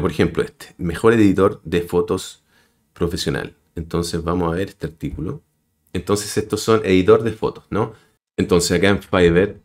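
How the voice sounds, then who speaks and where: A man hosting a screen-recorded web tutorial, explaining step by step and addressing his viewers directly. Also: deep voice. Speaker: tutorial host. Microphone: voice-over on a screen recording.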